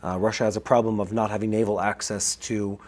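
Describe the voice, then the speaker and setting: A man co-hosting a podcast, explaining things in a quick, fluent stream that is full of "uh"s and restarts. His voice sits a bit low. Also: flat delivery, a little mellow. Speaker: podcast co-host. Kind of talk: casual analytical chat. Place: Israel.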